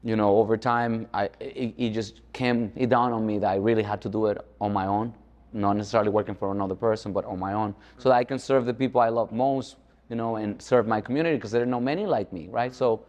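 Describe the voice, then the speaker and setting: Talking fast and informally, a Dominican man serves as the architect guest in a conversational interview, frequently checking in with whoever is listening. His voice is lowish and a little mellow, with fairly even intonation. The lo-fi recording has an echoey reverb like a hall.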